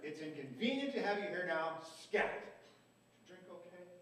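An actor plays a sarcastic husband who needles his wife in a dry tone and a very high voice. He is heard from far off in an echoing theater. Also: sing-song, moderate pace, a bit bright. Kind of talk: live stage comedy acting. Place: community theater stage. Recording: echoey hall from far off.

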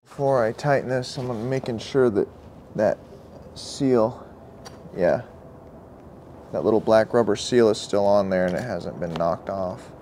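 A young man giving casual running commentary while fixing a carburetor at an outdoor workbench, in a relaxed way with muttered asides to himself. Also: lowish voice, unhurried, long pauses, slight background noise. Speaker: vlogger working on a carburetor. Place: outdoor workshop table beside a truck.

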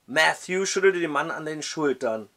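A man reading a dark historical novel aloud in a measured storytelling way, then reviewing it as a book reviewer. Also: fairly high pitch, lively intonation.

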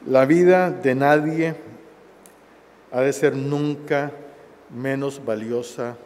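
A man speaks at a university forum in a formal, solemn way. He takes his time and weighs each phrase at an unhurried pace. His mid-pitched voice, picked up by a headset mic, trails into the long reverb of a large auditorium. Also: fairly even intonation, darkish tone. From Costa Rica. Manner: slow, deliberate and solemn. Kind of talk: formal public speech.

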